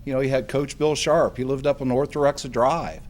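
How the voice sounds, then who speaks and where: A middle-aged man gives an acceptance speech. He rambles in a folksy way and keeps restarting his sentences, with plenty of fillers. His voice sits at an ordinary pitch for a man. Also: fairly even intonation, a little fast, a little mellow. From Hamilton, Ohio. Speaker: hall of fame inductee.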